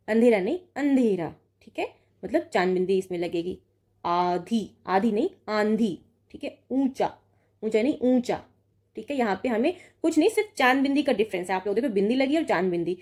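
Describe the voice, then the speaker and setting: A young woman with a medium-pitched, darkish voice teaches an online Hindi exam-prep lesson. She reads out pairs of words and corrects each, checking in often along the way.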